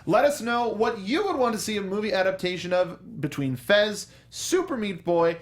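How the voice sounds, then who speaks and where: With a high-pitched voice and lively intonation, a man moves at a moderate pace through casual film and game discussion on his talk show. He explains with asides and plays out imagined lines.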